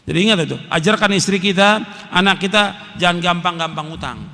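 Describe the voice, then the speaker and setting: High, bright-voiced man preaching a sermon. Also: fairly quick, vocal fry, big-room sound. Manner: emphatic, repeats key phrases, recites Arabic. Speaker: Islamic preacher.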